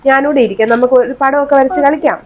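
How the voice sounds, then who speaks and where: A woman's voice: sits high, fast talker, pitched above the performer's own voice, natural voice. A woman playing a patient young mother who talks to her child in a sweet, pleading, sing-song way. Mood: coaxing.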